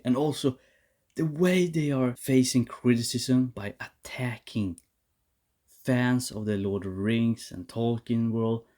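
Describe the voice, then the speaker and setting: A man's voice: medium pitch, a little mellow. Angry man ranting, full of swearing. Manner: heated, profane, repeats and restarts words. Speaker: vlogger reviewing a series. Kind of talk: angry rant to camera.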